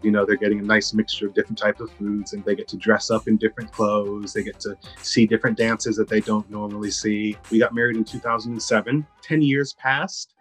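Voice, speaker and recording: A man in his thirties from the US Midwest, speaking calmly and thoughtfully in an interview from home on a close webcam. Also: fairly low pitch, a little fast, few pauses, husky, soft background music, poor audio. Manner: thoughtful, calm, with fillers. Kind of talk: reflective interview. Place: home room indoors.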